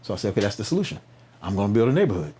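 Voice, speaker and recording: The guest, a man who founded a nonprofit, has a lowish, dark voice with a breathy edge, rapid-fire and sing-song. Being interviewed on a podcast, he tells animated stories conversationally, with preacher-like repetition for emphasis, rhetorical questions, and frequent check-in tags.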